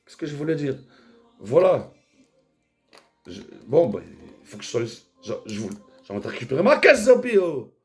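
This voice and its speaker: A man rambling in a casual, vulgar monologue, jumping between mumbles and shouts. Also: on the high side, wildly swooping pitch, normal speed, pauses often, faint music behind.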